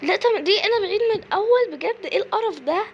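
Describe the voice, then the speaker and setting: High-voiced excitable Egyptian woman gamer. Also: fast, muffled recording, slight background noise. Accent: Egyptian Arabic. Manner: excitable, shrieks and exclaims in fright. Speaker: gaming video creator. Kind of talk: casual gaming commentary.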